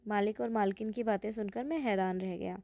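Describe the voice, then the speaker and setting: Creaky, mellow woman telling a story. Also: medium pitch, steady tone, brisk, no echo. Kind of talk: first-person story narration.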